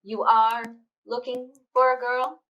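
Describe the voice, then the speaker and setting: A woman's voice: fairly high pitch, little pitch movement, takes it slowly, dull audio. A woman playing a nagging, bitter ex-barmaid mother. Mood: sarcastic. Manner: nagging, scolding, sarcastic. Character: bitter, crass middle-aged mother, ex-barmaid. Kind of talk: student radio play acting.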